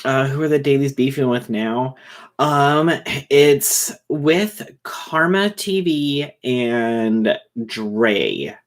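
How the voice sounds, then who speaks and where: A man hosting a casual livestream who talks fast and rambles, with many fillers and restarts. He is short on sleep. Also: medium pitch. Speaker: livestream host reading chat.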